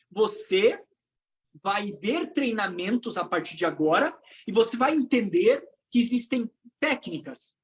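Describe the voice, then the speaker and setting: A woman with a Brazilian Portuguese accent giving an online coaching talk for trainers, swinging between loud emphasis and hushed low phrases. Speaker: trainer and motivational speaker.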